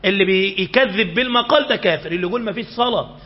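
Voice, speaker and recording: Give me an Egyptian man preaching in a mosque, high-pitched, with a long hall echo. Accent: Egyptian Arabic. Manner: slow chanted recitation mixed with fast colloquial explaining. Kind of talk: mosque sermon. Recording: dull echoing mosque recording.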